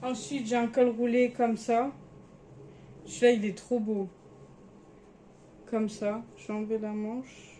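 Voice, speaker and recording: A woman's voice: fairly high pitch, little pitch movement, measured pace, long pauses, mellow, slight background noise. A young woman casually showing her clothes in a vlog, chatty and sometimes hesitant as she searches for words. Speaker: vlogger.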